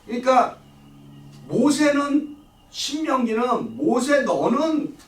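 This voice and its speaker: A middle-aged man with a very high, animated voice leads a church Bible study slowly. He lectures, firing questions at the class and then answering them himself, heard from a distance in an echoey room.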